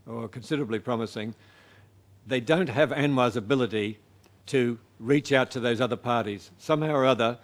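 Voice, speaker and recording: A man speaking at a public talk, answering audience questions in a hesitant way with many pauses and restarts. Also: medium pitch.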